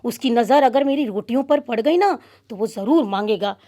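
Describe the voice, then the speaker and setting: A woman voicing a young boy who loves food and frets about hiding it, in an anxious, hurried manner. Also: on the high side, expressive, dark tone, close to an everyday voice. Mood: flustered. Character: young boy hero, fond of food, fretful.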